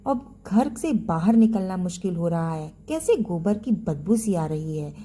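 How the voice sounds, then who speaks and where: A sharp-tongued young wife who scoffs at her in-laws' devotion, voiced by a woman narrating a folk tale. She scolds and dismisses in a warm, mellow voice pitched a little low for the teller. This is a storybook telling. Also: lively intonation, a little slow. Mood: disgusted.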